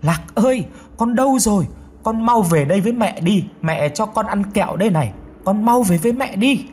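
A man's voice: expressive, moderate pace, a little mellow, slight background noise. A man voicing a distraught young mother who wails and cries out for her missing son. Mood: wailing. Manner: wailing, high-pitched, frantic.

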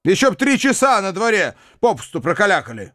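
A hot-tempered landowner who huffs and grumbles with biting sarcasm, as a man acts him out in a storybook reading. His voice jumps high and loud, swinging wide with indignation, and sits close and dry on the mic. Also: sing-song, fairly quick, no echo. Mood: sarcastic, furious.

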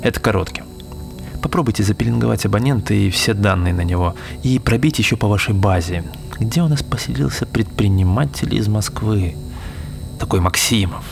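An actor playing a brisk, practical and suspicious male security officer giving orders in a naturalistic drama. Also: lowish voice, creaky, faint music behind. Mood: commanding, urgent.

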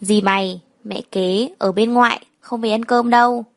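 A woman voicing a domineering middle-aged village father who speaks gruffly and gives orders. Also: a little high, steady tone, moderate pace, lightly acted. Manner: gruff, commanding.

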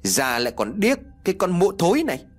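A man's voice: high-pitched, wildly swooping pitch, fairly quick, soft background music, pitched above the performer's own voice, heavily acted. A man voicing a bellowing cruel old lord. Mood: scornful. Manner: harsh shouting.

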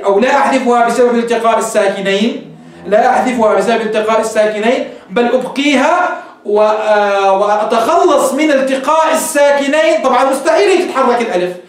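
A man teaching a grammar lesson, explaining step by step and quizzing his class. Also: very high-pitched. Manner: explains step by step, asks the class questions and answers them. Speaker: sheikh teaching Arabic grammar. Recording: very echoey room, mic far off.

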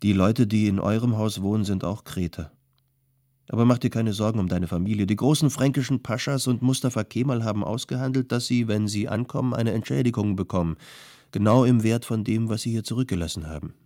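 A male audiobook reader voicing a settled young potter who calmly gives practical advice. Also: lowish voice, a little fast, no room sound, studio quality, lightly acted. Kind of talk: audiobook character voice.

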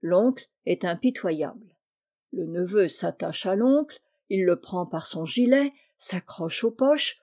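Female audiobook narrator, mellow tone, expressive storytelling. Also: lowish voice, a little slow. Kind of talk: audiobook reading of a classic children's story.

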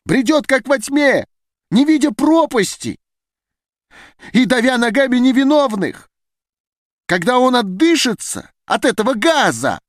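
A man's voice: extremely high pitch, big pitch swings, unhurried, pauses often, no echo, studio quality, voice pushed up, exaggerated voice. A man reading an audiobook, voicing a heated, defiant male scientist who argues in declamatory outbursts. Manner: heated, declamatory, rising to shouts. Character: agitated male geneticist defying a meeting. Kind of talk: audiobook character voice.

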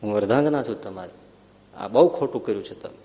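A man's voice: lowish voice, fast, mellow. A man narrating a devotional story with dramatic, passionate bursts. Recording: long hall reverb.

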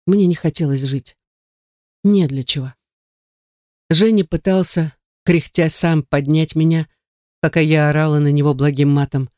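A woman's voice: deep voice, fairly even intonation, a little slow, long pauses, darkish tone, dry recording, clean studio sound. A woman narrating a first-person romance novel with emotional, dramatic delivery. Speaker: audiobook narrator.

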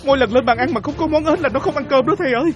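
A woman playing an anxious rural father who pleads quickly. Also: high voice, over music, natural voice. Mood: remorseful.

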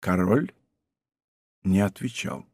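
A man narrating a historical novel in a measured, subdued storytelling manner. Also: deep voice, breathy edge, dry recording, clean studio sound. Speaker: audiobook narrator. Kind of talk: scripted narration.

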